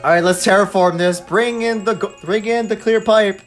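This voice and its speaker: A man's voice: high-pitched, steady tone, moderate pace, soft background music. A man hosting a co-op game let's play in casual chat, laughing often and wrapping up the episode.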